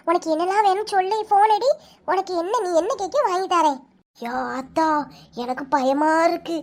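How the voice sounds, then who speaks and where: A woman with a Kanyakumari Tamil accent voicing quarrelling sisters and other characters in a cartoon, quick, scolding and teasing. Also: extremely high pitch. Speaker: cartoon narrator and voice actor. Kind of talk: cartoon voice acting, all characters.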